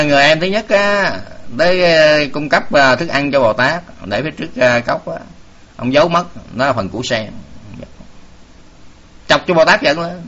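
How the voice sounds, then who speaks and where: A man's voice: a little high, bright, forceful tone. A man, a Buddhist preacher telling a story in a folksy way, with many filler sounds and direct words to the audience. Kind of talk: sermon storytelling. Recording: dull lo-fi recording.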